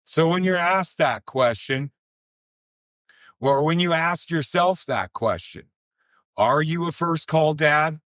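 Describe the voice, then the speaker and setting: A middle-aged man telling a personal story on a podcast, earnest and emphatic, repeating phrases with deliberate pauses and some swearing. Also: a little high, lively intonation, fairly bright tone, dry recording, studio quality. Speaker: podcast speaker.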